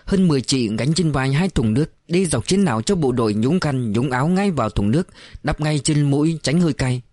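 A man narrating an audiobook in a steady, measured storytelling voice. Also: fairly high pitch, no room sound, studio quality.

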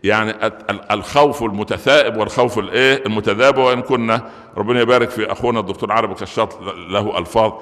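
Fast-talking Egyptian preacher, echoing hall. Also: male voice, fairly low pitch. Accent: Egyptian Arabic. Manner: lively, joking, full of rhetorical questions. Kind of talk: Friday sermon. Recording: long reverb of a large hall.

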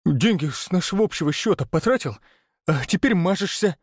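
A man voicing an enraged business partner who yells and seethes, his voice shaking with fury. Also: high-pitched, lively intonation, brisk, no room sound, clean studio sound, pitched above the performer's own voice. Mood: furious yelling. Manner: yelling, seething, trembling with fury. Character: raging, betrayed middle-aged business partner.

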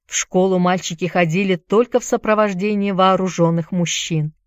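A woman narrating a story in a steady storytelling manner. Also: fairly low pitch, moderate pace, no room sound, studio quality. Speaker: audiobook narrator. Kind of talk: scripted narration.

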